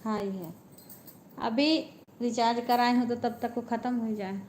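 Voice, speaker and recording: This woman's voice sits on the high side, fairly even in intonation, a little mellow, at a normal speed. She's stretched out at home chatting with her live-stream viewers in a homely, repetitive way, with slight background noise.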